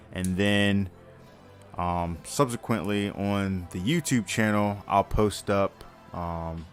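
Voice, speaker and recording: A tired-sounding man with a low voice hosts a live stream while building a model kit, chatting casually and rambling with plenty of fillers and restarts.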